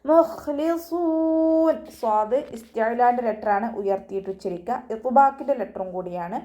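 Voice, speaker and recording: A woman teaching Quran recitation rules in an online class, patiently correcting pronunciation step by step. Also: warm tone. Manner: chants verses slowly and higher between explanations. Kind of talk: tajweed lesson with slow recited verses.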